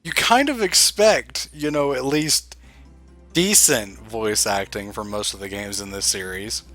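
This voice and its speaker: A man's voice: lowish voice, unhurried, fairly bright tone. A man giving casual, critical commentary on game cutscenes in a complaining manner. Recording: game music behind.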